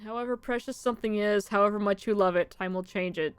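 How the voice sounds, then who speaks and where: A woman's voice: medium pitch, quick pace, clean tone, no echo, natural voice. A woman voicing a theatrical female spirit medium and tarot reader in a grand, mystical manner. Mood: wistful. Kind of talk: voicing game characters on a live stream.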